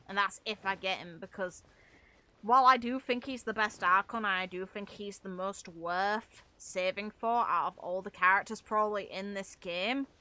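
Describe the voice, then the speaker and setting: Her voice is mid-range and sharp as she chats bluntly and casually while gaming on a live stream. There's some swearing, and video game music fills the background.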